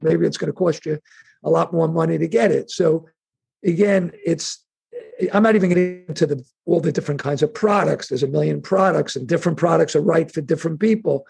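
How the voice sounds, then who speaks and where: A middle-aged man with a New York accent, a guest answering interview questions in a halting, chatty way with many restarts. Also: fairly high pitch, creaky, darkish tone, breathy edge. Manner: halting restarts, conversational, acts out imagined speakers. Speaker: insurance and wealth planning executive, guest.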